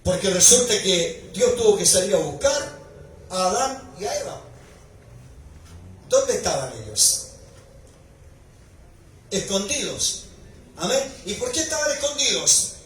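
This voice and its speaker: A male pastor preaching a sermon, building to shouted emphasis at key points. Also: sits high, big pitch swings, measured pace, pauses often. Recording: echoey hall recording from far off, faint noise.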